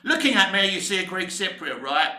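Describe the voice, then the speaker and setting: A British man in his fifties, a film vlogger, launches into a casual, opinionated rant, emphatic and exasperated, swearing mildly and hammering the same points. His high voice swings widely in pitch, fairly quick, bright and forceful, in an echoey, reverberant room.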